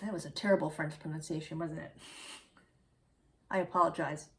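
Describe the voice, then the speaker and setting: A woman's voice: low-pitched, fairly even intonation, brisk, fairly bright tone. A woman giving a casual, reflective tarot reading, musing aloud and correcting herself as she goes. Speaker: tarot reader.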